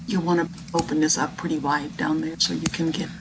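Lowish-voiced woman, informal teaching commentary, noisy. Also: level tone, brisk. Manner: conversational, addressing students directly. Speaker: biology instructor. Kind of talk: informal commentary over a demonstration video. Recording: clear background noise, video playing behind.

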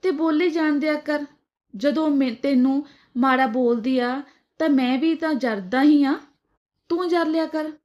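A woman's voice: high voice, animated, a little slow, lo-fi sound. A woman voicing an irritable, short-tempered grown son who scolds his mother in a storybook tale. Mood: scolding. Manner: scolding, snappish. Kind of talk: storybook dialogue reading.

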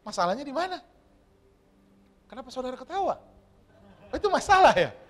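A male pastor preaching a sermon to his congregation, animated and often asking them questions. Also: very high-pitched, brisk. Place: church hall.

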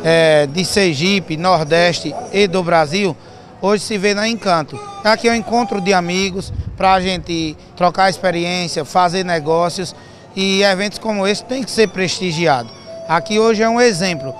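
A man's voice: high-pitched, measured pace, faint music behind. A man giving an on-location interview as a cattle farmer. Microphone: handheld reporter's microphone.

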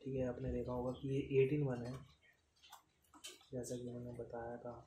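A product reviewer casually demonstrates camping gear in an unscripted unboxing, counting items aloud and filling pauses with "theek hai" (ठीक है). His voice is mid-range, level and mellow. He's indoors in a tiled-floor room, and the recording is echoey and noisy.

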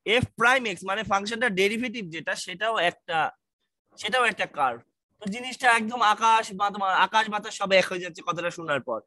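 Male math lecturer, Bangladeshi accent, high bright voice, dry close sound, patient and reassuring. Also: no room sound. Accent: Bangladeshi Bengali. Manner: reassuring, asks students questions, mixes English terms. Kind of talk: online lecture, casual explaining.

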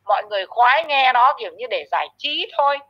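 Fast-talking and fairly high-voiced with lively intonation, a woman hosting her channel launches into a harsh, insulting tirade. She speaks straight to the absent person she's scolding. The recording sounds muffled and lo-fi.

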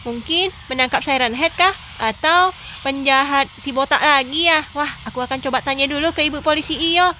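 A cheerful young woman who runs a coffee shop, voiced by a woman. Her voice is bright and high, and she chats to herself in upbeat game role-play. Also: normal speed, slight background noise.

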